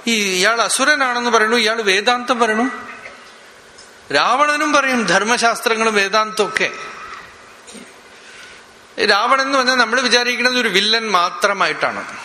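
Bright-voiced man giving an echoing scripture discourse. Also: very high voice. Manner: explanatory, rhetorical questions, slow chanting of verses. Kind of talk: scripture discourse with chanted verses. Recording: echoey hall, faint ambient noise.

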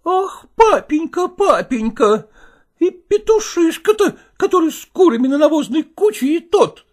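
A woman voicing a sharp-tongued middle-aged wife who scolds her estranged husband in a shrill, needling way. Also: sing-song, measured pace, full character voice. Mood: scolding.

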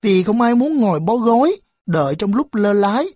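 A woman narrating an audiobook in a measured, storytelling way. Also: medium pitch, big pitch swings, dark tone, no room sound, studio quality. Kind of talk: scripted narration.

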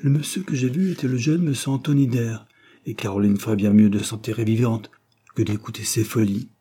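A man's voice: medium pitch, steady tone, a little fast, warm tone, natural voice. A man voicing an angry, gossiping working-class landlady who scolds indignantly, in an audiobook reading. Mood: furious. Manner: indignant, scolding, breathless storytelling.

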